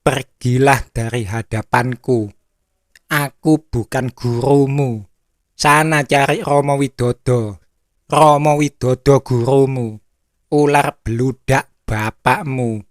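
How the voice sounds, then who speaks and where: A man's voice: mid-range voice, fairly even intonation, slow, dry recording, studio quality, lightly acted. A man voicing Jesus as a stern male teacher who questions and rebukes a wayward disciple in a sermon. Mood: rebuking.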